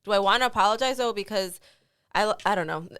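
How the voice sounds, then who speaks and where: A woman on a relaxed podcast, with a clear, smooth voice and a dry, close sound. She reflects earnestly, working through her thoughts out loud with small restarts. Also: medium pitch, quick pace, no echo. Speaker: podcast co-host. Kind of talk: casual podcast chat.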